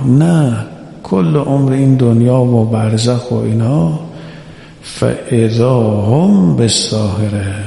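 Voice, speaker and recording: Guy giving a sermon, urging folks on, slow chanted quotes, roomy echo. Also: mid-range voice, creaky, warm tone. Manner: exhorting, quotes Arabic scripture in slow chant. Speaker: preacher. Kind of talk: religious sermon. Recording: echoey hall reverb.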